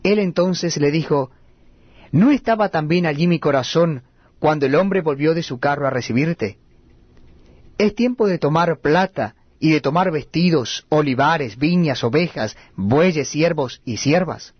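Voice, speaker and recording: A man reading scripture aloud at a steady, measured cadence. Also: fairly high pitch, slightly rough, no room sound, muffled recording. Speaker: Bible reader.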